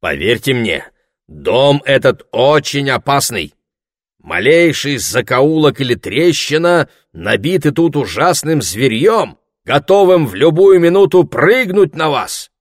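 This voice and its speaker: A man's voice: medium pitch, sing-song, a little slow, no room sound, clean studio sound, pitched above the performer's own voice. A man reading aloud voices a pompous young man complaining indignantly. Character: pompous, peevish young man, older brother.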